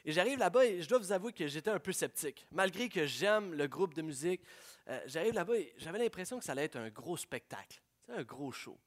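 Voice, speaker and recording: A young man preaching a sermon, telling stories in an animated way and slipping in English phrases. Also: a little high, fairly quick. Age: young adult.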